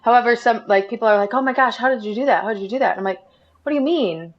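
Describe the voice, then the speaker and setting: A woman's voice: fairly high pitch, very fast, muffled recording. A woman podcast host in casual interview chat, talking freely with lots of "you know" and "like". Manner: chatty, many fillers like "you know".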